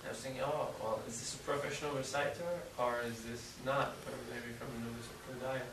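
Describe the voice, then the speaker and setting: A man's voice: mid-range voice, flat delivery, quick pace. A man in an audience asking questions hesitantly, searching for words as he goes. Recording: echoey, distant mic, loud noise and clicks.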